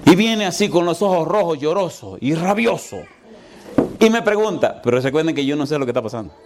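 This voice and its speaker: Animated, laughing middle-aged pastor. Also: male voice, fairly high pitch, fairly quick, noisy background. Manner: animated, laughing, asks the congregation questions. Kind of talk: storytelling sermon.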